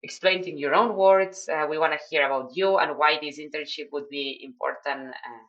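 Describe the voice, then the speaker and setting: On a video call, a project mentor with a Spanish accent briefs newcomers on their tasks in a low, fairly bright voice. She explains things while pausing on fillers and restarting phrases. The audio sounds a touch dull.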